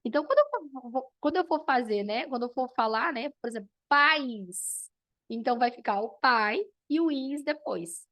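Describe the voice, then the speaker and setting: A woman's voice: sits high, expressive, moderate pace, dull audio. A woman teacher, teaching an online class and explaining step by step while checking in with her students.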